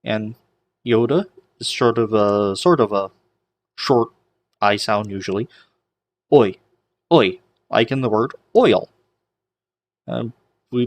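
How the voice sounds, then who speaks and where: A man teaching a recorded lesson, drawing out vowel sounds slowly with self-deprecating asides. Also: lowish voice. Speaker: Greek teacher.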